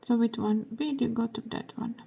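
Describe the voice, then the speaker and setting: A woman hosting a beading tutorial, giving soft step-by-step instructions, her voice hoarse as if she is losing it. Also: fairly high pitch, fairly even intonation, muffled recording. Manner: soft, slow, half-whispered while working.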